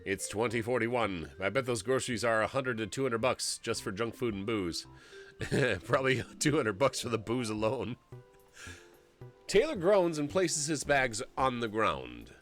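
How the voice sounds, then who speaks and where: A man in his forties is streaming a story game, reading its narration out loud and rambling between the lines. He's animated and jokey, laughs often, and his pitch swings widely while he talks a little slowly. Faint game music plays in the background.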